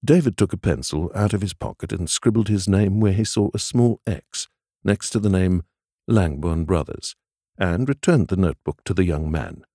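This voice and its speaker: Deep-voiced male audiobook narrator. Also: slightly rough, no room sound, studio quality. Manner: measured, expressive storytelling.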